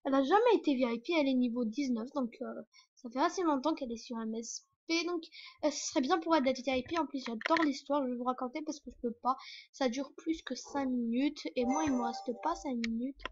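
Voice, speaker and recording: A woman's voice: sits high, brisk. A young woman vlogging in a rambling, hesitant way, full of fillers and restarts. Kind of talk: casual rambling vlog. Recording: dull lo-fi recording.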